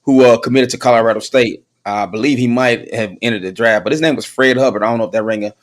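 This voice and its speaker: A man hosting a podcast, asking questions in a relaxed conversational way. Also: mid-range voice, fast talker. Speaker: podcast host. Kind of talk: casual interview talk.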